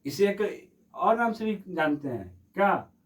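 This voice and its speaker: A man's voice: sits high, big pitch swings, slow, distant mic. A man teaching a Hindi grammar lesson who repeats each question and answers it himself, stretching vowels to demonstrate.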